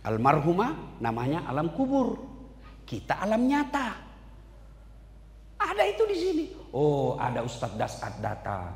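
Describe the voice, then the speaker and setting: Male preacher, lively and a little high, echoey hall recording. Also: unhurried, long pauses. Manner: animated, swings between loud and hushed. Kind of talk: sermon. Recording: echoey hall with faint ambience.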